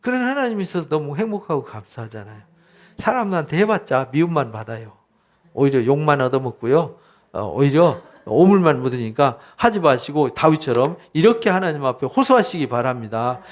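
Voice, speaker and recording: A man's voice: on the high side, big pitch swings, fairly quick. A middle-aged male pastor preaching a conversational sermon, acting out prayers and laughing now and then. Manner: laughs while speaking. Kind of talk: sermon, Bible exposition.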